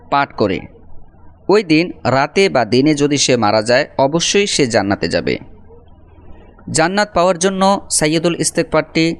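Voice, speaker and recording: A man teaching a prayer as a lesson, reciting Arabic phrases slowly and then explaining their meaning. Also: fairly high pitch, clear, resonant tone. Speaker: Quran teacher. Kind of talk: religious lesson, slow syllable-by-syllable recitation.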